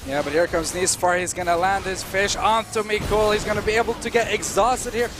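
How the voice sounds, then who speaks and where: A man's voice: sits high, fairly even intonation, brisk, over music. A man doing live play-by-play commentary on an esports match, with playful, teasing banter toward his co-caster.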